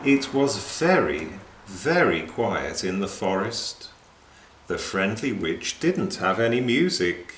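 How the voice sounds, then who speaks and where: A man reading a children's picture book aloud in a slow, very expressive way. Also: on the low side. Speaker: storyteller. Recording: echoey room with faint noise.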